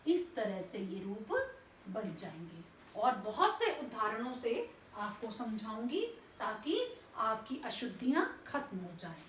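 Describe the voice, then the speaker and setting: A woman teacher slowly and patiently spelling out words sound by sound, asking and answering her own questions. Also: on the high side, sing-song, far from the mic. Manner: slow, patient, spells out each sound step by step. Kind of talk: classroom lesson explaining spelling. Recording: echoey room, voice off-mic, faint background noise.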